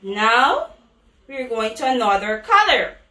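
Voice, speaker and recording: Female preschool teacher, high and slow, overbright singsong questioning for little children, recorded off-mic in an echoey room. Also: big pitch swings, bright, forceful tone. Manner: overbright, exaggerated kids-host delivery with singsong questions. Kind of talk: children's lesson, call-and-response. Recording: echoey room, distant microphone.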